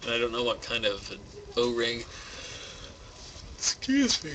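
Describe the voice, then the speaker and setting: A man giving relaxed, rambling commentary on a card game match, thinking aloud. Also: medium pitch, a little fast. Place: game store. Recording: background noise in a game store.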